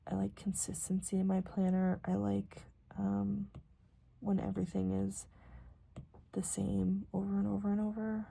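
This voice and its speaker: Husky, gravelly and mellow, her medium-pitched voice stays monotone at a moderate pace. She's a young American planner vlogger from rural South Dakota, talking casually and self-deprecatingly as she fills in her planner, drifting from topic to topic and occasionally muttering to herself.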